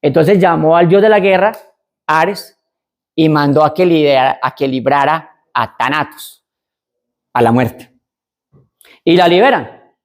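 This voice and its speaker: A middle-aged man tells an ancient myth as part of a talk. His voice sits a little high, and he speaks loosely, with restarts and side remarks to the listeners. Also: unhurried, pauses often. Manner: retells a myth casually with asides and restarts. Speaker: speaker on mental health and leadership. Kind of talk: storytelling lecture.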